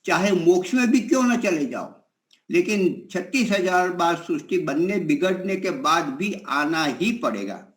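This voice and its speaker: A man in his sixties giving a slow, reflective spiritual discourse, telling stories with pauses and fillers. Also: high voice, expressive, reverberant. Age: 60s. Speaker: spiritual teacher.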